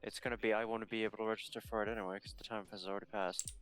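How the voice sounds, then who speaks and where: A man with a lowish voice talks in a laid-back way about what is happening in the game. Game music plays faintly behind him. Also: level tone, rapid-fire, fairly bright tone. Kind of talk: casual group chat while gaming.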